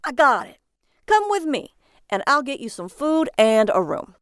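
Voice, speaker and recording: A man's voice: very high voice, big pitch swings, measured pace, a bit bright, smooth, dry recording, studio quality, voice pushed up, full character voice. A woman voicing a chatty, folksy middle-aged male cab driver who talks boisterously. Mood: pushy. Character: gruff cheerful male cabbie, middle-aged.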